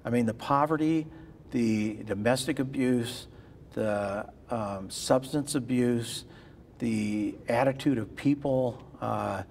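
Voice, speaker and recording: Speaking slowly in a creaky, darkish, medium-pitched voice, this sixty-something farmer and philanthropist gives earnest answers in a sit-down interview. The setting is a large farm machinery shed, and a faint hiss or hum runs under the recording. He tends to repeat words when beginning a thought.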